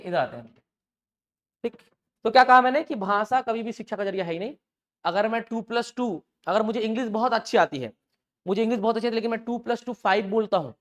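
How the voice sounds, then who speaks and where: A man teaches a live class and talks easily to his students. He throws out a question, answers it himself and repeats the word so that it sticks. He mixes in homely examples and mild jokes. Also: high-pitched. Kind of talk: live online class lecture.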